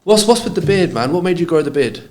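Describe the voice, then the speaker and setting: A man's voice: a little high, expressive, fast talker, darkish tone. A man hosting a casual podcast interview, upbeat and eager as he prompts his guest. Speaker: podcast host. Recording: roomy echo with clear background noise.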